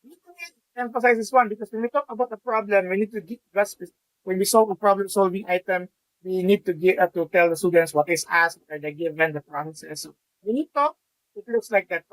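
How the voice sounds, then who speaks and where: A man's voice: high-pitched, a little fast, no room sound, low-quality recording. Man, Filipino accent, tutorial walkthrough, hesitant fillers, dry close sound. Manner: explanatory, frequent fillers and restarts, mixes in Tagalog. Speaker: math teacher educator. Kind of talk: screen-recorded software tutorial.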